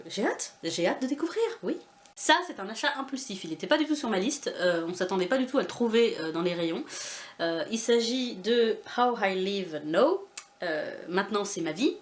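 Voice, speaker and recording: A woman's voice: medium pitch, a little hiss or hum. Chatty French woman vlogging a book haul. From France. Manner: chatty, with many fillers and restarts; self-mocking, laughs often. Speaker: booktuber showing a book haul. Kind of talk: casual vlog chat.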